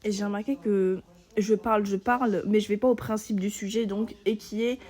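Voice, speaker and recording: A young woman talks to her audience in a loose, chatty vlog style. She rambles and fills gaps with fillers as she lays out her plans. Her voice sits at an ordinary middle pitch. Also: fairly even intonation, normal speed, a little mellow. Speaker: beginner gaming YouTuber. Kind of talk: casual vlog chat.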